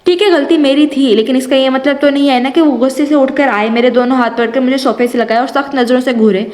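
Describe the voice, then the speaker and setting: High-voiced young woman reading a novel. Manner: lively first-person storytelling. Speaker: audiobook narrator. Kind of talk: reading an audio novel aloud. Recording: roomy echo.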